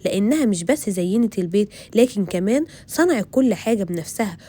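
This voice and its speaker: Egyptian woman storyteller for children, friendly, mellow. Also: medium pitch, animated, fast. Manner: friendly, addresses children directly.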